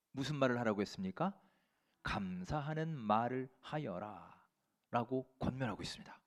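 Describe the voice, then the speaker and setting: A man's voice: fairly high pitch, dull audio. A man pastor delivering an earnest Sunday sermon in a church, full of rhetorical questions and exhortation. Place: church sanctuary.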